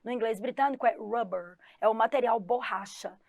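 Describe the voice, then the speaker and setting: Lively Goiás-accented woman teaching English. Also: a little high, moderate pace, no room sound, lo-fi sound. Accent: Goiás Brazilian Portuguese. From Goiás, Brazil. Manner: lively, chatty, talks to students directly. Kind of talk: online exam-prep class.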